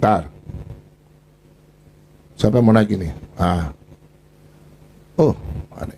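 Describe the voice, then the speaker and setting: A man's voice: fairly low pitch, slow, dark tone, a little hiss or hum. A man hosting a livestream, talking in an aggrieved, pleading, repetitive way. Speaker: livestream host. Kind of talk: emotional livestream rant.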